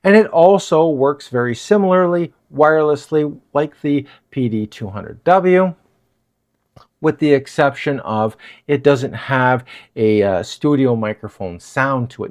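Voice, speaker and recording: A man talks through a gear review in his apartment, explaining things in a relaxed, chatty way. His pitch moves around a lot, which keeps the delivery animated. A clip-on wireless mic keeps the voice close. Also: moderate pace. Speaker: product reviewer. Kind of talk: casual product review. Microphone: wireless lav mic.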